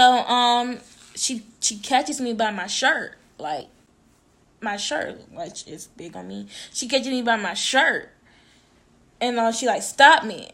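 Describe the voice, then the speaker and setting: A young woman tells a story on her vlog, casual and full of slang. She acts out the back-and-forth dialogue. Her voice sits a little high and sounds bright and sharp. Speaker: vlogger.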